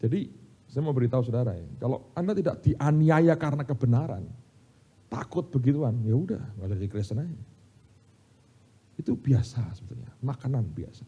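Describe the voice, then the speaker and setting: A middle-aged man with an Indonesian accent preaching from the pulpit, swinging between loud bursts and quiet asides as he tells stories to his congregation. His voice is dark and a little husky. The recording sounds somewhat dull and lo-fi. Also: mid-range voice, fairly quick. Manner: animated storytelling, addresses congregation as "saudara". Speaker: pastor. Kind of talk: sermon. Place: church sanctuary.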